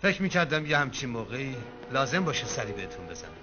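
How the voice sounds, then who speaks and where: A man's voice: medium pitch, very animated, music in the background, natural voice. An actor playing a scheming man who threatens a woman into marrying him, with a smug, menacing manner. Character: scheming village lord forcing a woman to marry. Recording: dull old film soundtrack with loud score.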